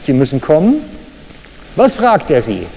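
A man with a German accent preaching a sermon, animated, with sudden loud high bursts when he acts out cries and quotes. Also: a little slow, gravelly, a little hiss or hum. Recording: reverberant hall.

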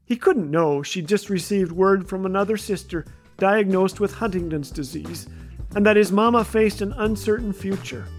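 A man's voice: sits high, moderate pace, faint music behind. A man from Canada telling funny, self-mocking stories as a radio host. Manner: wry, self-mocking delivery. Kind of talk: humorous storytelling.

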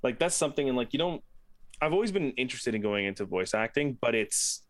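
A man's voice: mid-range voice, animated, quick pace, a bit bright, dry recording, studio quality. A man chatting casually on a podcast, rambling with frequent restarts and swearing freely.

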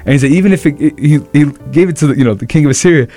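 A young man co-hosting a podcast, retelling a Bible story in an earnest, animated way with many restarts. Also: on the high side, very fast, soft background music. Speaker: podcast co-host. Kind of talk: casual Bible discussion.

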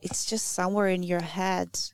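A woman from Lithuania with a Lithuanian accent, a native Lithuanian speaker giving a halting church talk that searches for words. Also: on the low side, little pitch movement, slight background noise. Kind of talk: sermon.

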